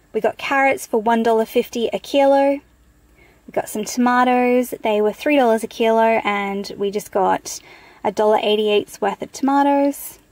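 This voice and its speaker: A fairly high-voiced Australian woman in her thirties talks through her weekly groceries, chatty and matter-of-fact. She sits in a car facing a dashboard camera. The sound is dry and close, with no room echo. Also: a little mellow. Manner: chatty, thrifty, matter-of-fact price rundown. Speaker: vlogger. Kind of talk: casual grocery haul vlog. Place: inside a parked car.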